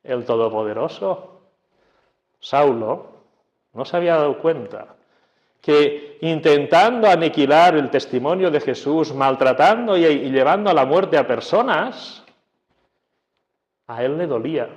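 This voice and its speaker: A man's voice: fairly high pitch, lively intonation, measured pace, pauses often. A male preacher, giving a conversational sermon full of rhetorical questions. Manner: conversational, dramatizing with quoted voices and rhetorical questions.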